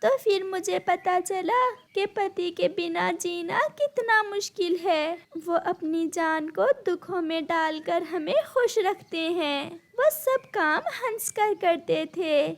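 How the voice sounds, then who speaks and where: Cartoon: woman as mournful widowed sparrow mother, high and slow. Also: vocal fry, heavily acted. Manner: mournful, tearful. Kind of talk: cartoon storybook voice acting.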